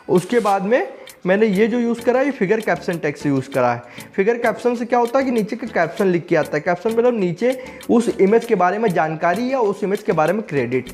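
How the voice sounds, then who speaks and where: A man's voice: high-pitched, darkish tone. A young man explaining a coding tutorial step by step, often checking in with the viewer as he works on screen.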